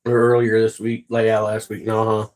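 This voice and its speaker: A man's voice: on the low side, monotone, moderate pace, darkish tone. A man hosting a casual livestream, chatting with viewers and ranting with heavy profanity. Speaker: livestream host.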